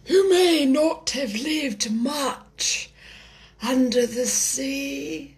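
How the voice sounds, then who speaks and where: Lady doing a weepy sad turtle from a kids book, high voice, super slow and drawn out. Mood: mournful, wistful. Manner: slow, drawn-out, emotional delivery. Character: melancholy, sobbing male Mock Turtle, slow and wistful. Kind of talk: children's storybook character reading.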